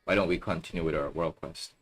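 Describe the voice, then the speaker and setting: A young man streams a game with a rumbling low, steady voice that's fast and a bit bright, over slight background noise. Laid-back and chatty, he reads the chat aloud and calls everyone bro.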